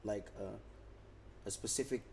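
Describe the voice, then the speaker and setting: Speaking unhurriedly in a fairly low voice, this young music artist from the Netherlands talks casually on a podcast, with slight hiss or hum behind him. His manner is relaxed and full of fillers, and he keeps repeating and restarting words.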